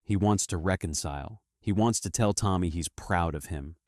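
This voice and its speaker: Deep-voiced male movie recap narrator. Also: normal speed, a little hiss or hum. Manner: steady dramatic storytelling. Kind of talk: scripted narration.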